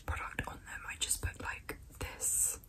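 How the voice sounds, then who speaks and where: A woman in her twenties doing a whispered role-play for ASMR, close to the mic, in a fast, repetitive manner. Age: 20s. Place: small dim indoor room.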